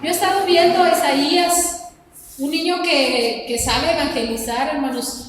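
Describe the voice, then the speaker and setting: A woman's voice: high voice, moderate pace. A middle-aged woman preaching an earnest, exhorting sermon to her congregation. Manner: earnest, exhorting, addresses congregation as "mis hermanos". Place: church hall. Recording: echoey church hall mic from far off with noise.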